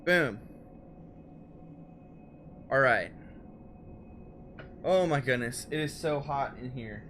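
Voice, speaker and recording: Excitable rambling male game streamer. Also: medium pitch, takes it slowly, slight background noise. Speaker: let's play streamer. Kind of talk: casual gameplay commentary. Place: home room.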